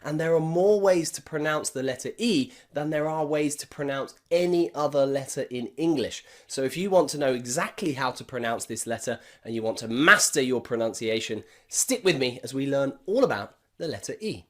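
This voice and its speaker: A man teaching an English pronunciation lesson to camera, repeating sounds slowly and clearly and checking in with his viewers. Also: mid-range voice, animated, fairly bright tone.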